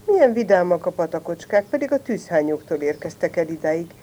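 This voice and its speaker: A boastful little fox cub from a storybook, as a woman reader puts him on, crowing loudly about his courage. His voice leaps high and low with lively swings. A faint hiss sits behind the reading. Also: dull audio. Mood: musing. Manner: brags loudly, then stammers with fright.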